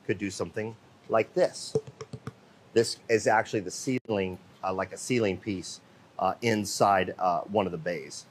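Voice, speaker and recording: A man's voice: lowish voice, slight background noise. Chatty man hosting a workshop tour. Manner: off-the-cuff, chatty, many fillers and restarts. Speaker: host of a live company show. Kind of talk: unscripted live walkthrough. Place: indoor cabinet workshop. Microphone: handheld microphone.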